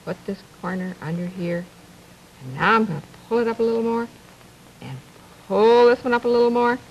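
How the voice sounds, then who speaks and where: A woman presenting a 1950s children's television show, talking to young children in simple phrases with many questions and a gentle, drawn-out sing-song delivery. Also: on the high side, muffled recording. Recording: noisy 1950s television archive recording.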